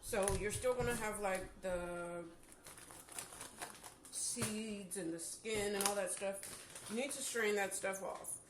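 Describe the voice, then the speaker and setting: Tired woman vlogger, slow-spoken, echoey room. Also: medium pitch. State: tired, fatigued, recovering from jaw surgery. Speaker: vlogger sharing her jaw surgery recovery. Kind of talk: casual vlog, practical advice to viewers. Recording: echoey room with clear background noise.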